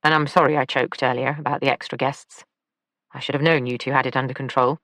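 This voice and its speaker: A woman's voice: very deep voice, fairly even intonation, quick pace, fairly bright tone, dry recording. A woman voicing a mild, apologetic young man in an audiobook.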